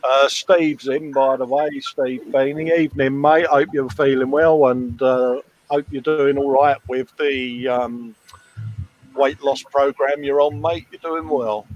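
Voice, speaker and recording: A man's voice: mid-range voice, measured pace, dull audio. A man hosting a casual live stream, teasing a friend and reading out viewer comments. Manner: teasing and chuckling, relaxed.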